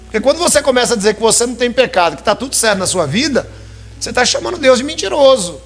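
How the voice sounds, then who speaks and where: A man's voice: very high voice, expressive, fast, faint music behind. A man preaching a sermon in a church, talking conversationally and calling his listeners brothers.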